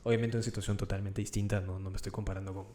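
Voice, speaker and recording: A man hosts a casual interview. He talks in a relaxed way with plenty of fillers. His voice sounds roomy, with a clear echo around it. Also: low voice, very fast, a little hiss or hum. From Peru. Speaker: podcast host.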